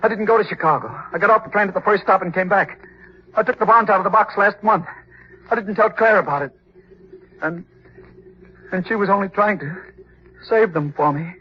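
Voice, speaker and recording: A man acting out a guilty, cornered schemer in a 1940s radio drama, his voice pitched high and panicky as he pleads. The old broadcast sounds dull and muffled, with faint hiss. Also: a little fast, long pauses, close to an everyday voice. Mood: shaken. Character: frightened, guilty male schemer begging for his life.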